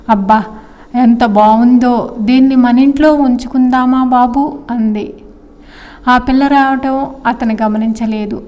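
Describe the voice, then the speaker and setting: A woman reading a story aloud in a steady, expressive narration. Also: fairly high pitch, in a large hall.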